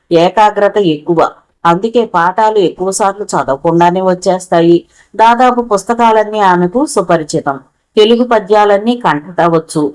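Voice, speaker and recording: A woman narrating a novel aloud in a steady storytelling voice. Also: mid-range voice. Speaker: audiobook narrator. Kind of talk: novel reading.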